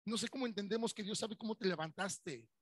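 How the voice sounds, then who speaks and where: A pastor with a Mexican accent preaches his Sunday sermon in a conversational tone. His voice sits high for a man and has a husky grain. The sound is dry and close. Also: fairly quick, fairly bright tone, dry recording.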